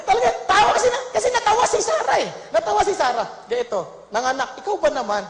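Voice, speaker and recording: Woman preacher, very high voice, lively swings, playful, laughing, echoey hall. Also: quick pace. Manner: playful, laughing, addresses the congregation. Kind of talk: humorous Bible storytelling sermon. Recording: echoey hall with long reverb.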